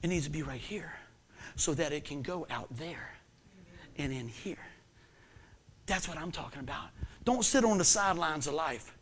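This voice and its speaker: A man in his fifties preaching a sermon as pastor, swinging from hushed, earnest lines to excited shouts. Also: fairly high pitch, moderate pace, long pauses, slight background noise. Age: 50s.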